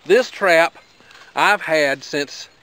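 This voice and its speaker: Very slowly and in a sharp, slightly high voice, a middle-aged Appalachian man rambles in a folksy, plainspoken way while demonstrating something outdoors near his garden. He's a homesteader vlogger, and the recording is rough.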